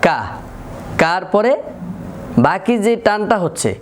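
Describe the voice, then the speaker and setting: A man with a high, light voice gives a slow, methodical recitation lesson. He repeats each sample sound patiently to demonstrate it. A faint hiss sits under the recording. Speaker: Quran recitation teacher.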